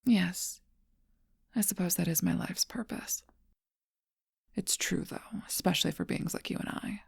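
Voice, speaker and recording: Speaking in a soft, breathy whisper, a woman plays a possessive, seductive female vampire who never ages, teasing slowly and intimately in an ASMR role-play. Her voice is lowish and fully in character, captured with clean studio sound and no echo.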